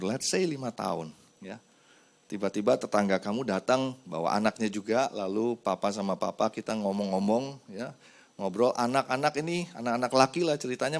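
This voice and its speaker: A middle-aged man preaching a sermon and acting out little dialogues. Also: mid-range voice. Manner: animated, acts out dialogues with God and children. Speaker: pastor.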